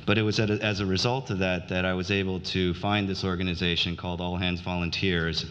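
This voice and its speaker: A middle-aged man giving a conference speech, halting with many fillers and restarts. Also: low-pitched, level tone, a bit bright, a little hiss or hum. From United States (grew up in New Orleans). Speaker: conference speaker. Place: conference hall. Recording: dull reverberant hall.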